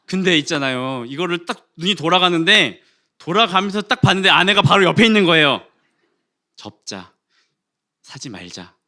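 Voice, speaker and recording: Animated Korean pastor telling a story. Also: male voice, high-pitched, normal speed. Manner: animated storytelling, acting out quarrels and rising to loud exclamations. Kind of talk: sermon with a humorous personal story. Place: church sanctuary.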